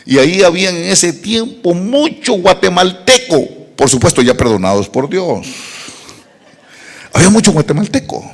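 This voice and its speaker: Lively preacher, echoey hall. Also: male voice, sits high, normal speed. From Costa Rica. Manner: emphatic preaching with repeated rhetorical questions. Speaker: pastor. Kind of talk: sermon.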